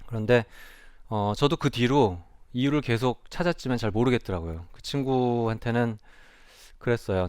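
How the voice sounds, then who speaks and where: A man's voice: medium pitch, clear, resonant tone, dry recording, studio quality. A man who is a child and adolescent psychiatrist, giving a reflective, earnest public talk on stage and asking the audience questions. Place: stage before a live audience.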